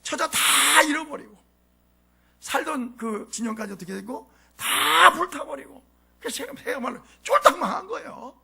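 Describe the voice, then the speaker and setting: A man preaching a sermon as pastor, animated and often asking the congregation questions. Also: very high-pitched, moderate pace, creaky. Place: church sanctuary.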